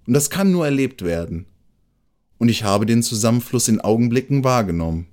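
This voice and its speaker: A man voicing a gentle, earnest male mole who talks in a timid, humble way. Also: medium pitch, expressive, brisk, close to an everyday voice. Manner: timid, dreamy, speaks softly and humbly.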